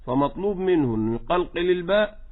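A man teaching Quran recitation rules, patiently correcting and slowly modeling each word. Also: on the high side, lively intonation. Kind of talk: tajweed lesson with recited examples. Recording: tinny phone-like line.

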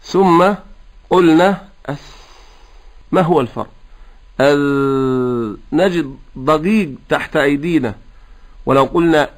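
A man with a fairly high voice teaches Quran recitation rules. He explains each point patiently and step by step. He shifts into slow, drawn-out melodic chanting of the verses. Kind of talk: tajweed lesson with recitation.

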